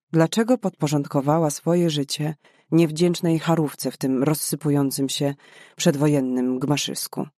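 A man narrating a novel in a measured, dramatic reading voice. His voice sits a little high for a man, and the recording is dry and close, with no room echo. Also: darkish tone. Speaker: audiobook narrator. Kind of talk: scripted narration.

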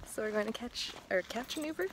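A woman's voice: on the high side, animated, fast talker. A young woman in her twenties chatting casually to her camera in a vlog, laughing easily. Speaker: vlogger. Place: home and outdoors in hot weather. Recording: noisy handheld camera audio.

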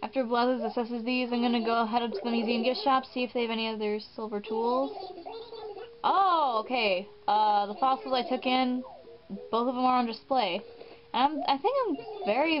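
A woman's voice: fairly high pitch, normal speed. A woman hosting a gaming video in casual, rambling commentary, often poking fun at herself. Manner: chatty, rambling, self-mocking. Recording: muffled, with game music behind.

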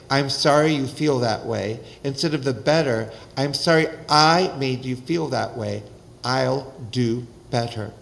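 An older man delivers a sermon from a synagogue pulpit, speaking into a podium microphone. His voice sits a bit higher than most men's, and he preaches with an animated, wry, gesturing energy that keeps the congregation engaged. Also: gravelly, low-quality recording. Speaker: rabbi. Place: synagogue sanctuary, indoors.

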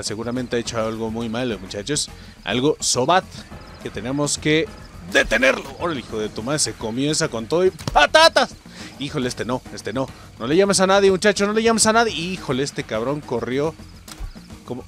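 A young man with a Mexican accent commentates his own gameplay for his channel, excitable and full of slang and swearing. His voice is somewhat high and swings widely in pitch as he talks straight to his viewers. Faint music plays beneath him. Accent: Mexican Spanish. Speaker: gaming channel host.

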